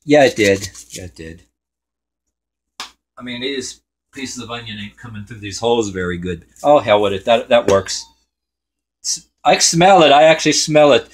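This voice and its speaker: A man's voice: mid-range voice, lively intonation, moderate pace, long pauses. A man hosting a home cooking show in his kitchen, rambling and swearing casually to himself as he works.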